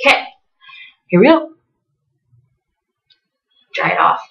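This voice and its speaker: A woman in her twenties, a vlogger, talks casually to viewers and exclaims as she narrates a task she's doing, her speech slightly impeded by a tongue piercing. She takes it slowly, and the recording has its highs cut off and echoes as if in a small hard-walled room.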